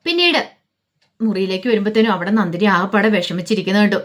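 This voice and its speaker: A woman's voice: medium pitch, animated, fast. A woman casually retelling a family drama in loose, chatty narration, slipping in fillers and quoted dialogue. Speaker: storyteller.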